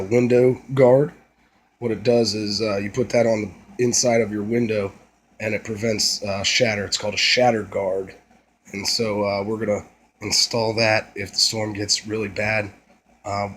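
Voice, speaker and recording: Raspy, under-the-weather man, fairly flat delivery. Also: on the low side, a little hiss or hum. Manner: matter-of-fact, plain listing of plans and supplies. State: under the weather, voice rough from illness. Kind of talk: casual video log narration.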